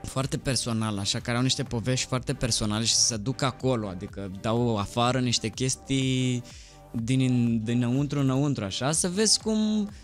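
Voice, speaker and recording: Man giving relaxed advice on air. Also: medium pitch, soft background music. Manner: relaxed, advising, trails off mid-sentence. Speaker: radio host and comedian. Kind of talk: casual studio chat. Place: radio studio. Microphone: studio microphone on arm.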